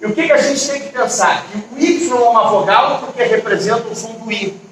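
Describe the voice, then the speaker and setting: A man with a high voice explaining grammar to a class, stopping often to ask if they are following. He sounds set back from the mic in a very echoey room, with a faint hiss behind him. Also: fairly quick, a bit bright, far from the mic. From Brazil. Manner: explanatory, checks in with students often. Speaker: teacher. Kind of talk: online grammar lesson.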